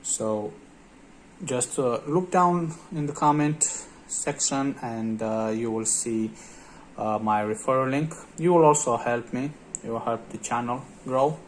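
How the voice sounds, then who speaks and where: A man's voice: mid-range voice, measured pace, a little hiss or hum, low-quality recording. A man hosting a tech channel, talking casually over his screen with many hesitant filler sounds. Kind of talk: casual screen-recorded commentary.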